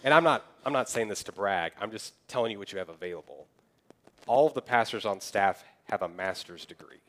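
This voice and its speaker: A man's voice: fairly low pitch, animated, brisk, fairly bright tone. Young male pastor preaching conversationally. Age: young adult. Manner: conversational preaching, acting out quoted excuses. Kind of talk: sermon.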